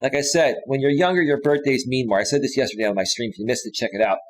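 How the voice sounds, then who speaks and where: A man in his forties talks off the cuff on his own live stream, looping back and restarting his sentences. His voice sits at an ordinary middle pitch. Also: quick pace, low-quality recording. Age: 40s. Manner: rambling, with frequent restarts and fillers. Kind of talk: casual live stream talk.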